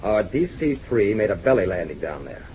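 An actor playing a serious airline owner in a 1940s radio drama, speaking in a low, grave, insistent way, heard as an old radio broadcast. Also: male voice, very animated, moderate pace, darkish tone, slight background noise, rough recording. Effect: old radio broadcast sound.

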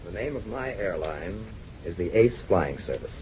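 A grave, serious airline owner in an old-time radio drama. His voice sits very low and he presses his point in a steady, insistent way. Faint hiss lies under the sound of an old radio broadcast. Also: moderate pace, poor audio. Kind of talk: 1940s radio drama acting.

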